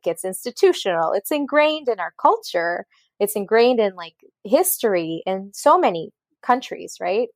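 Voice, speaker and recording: A woman in her thirties from Colombia, speaking with an American accent in a mid-range voice, appears as a podcast guest in a casual storytelling interview. She tells her story in a rambling way, full of fillers and restarts, and the recording has no echo.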